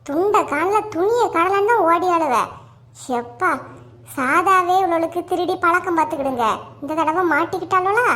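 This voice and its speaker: Gossipy Kanyakumari woman, very high voice. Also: fairly bright tone. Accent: Kanyakumari Tamil. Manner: gossipy, chatty. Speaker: cartoon voice artist. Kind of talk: comic village gossip dialogue.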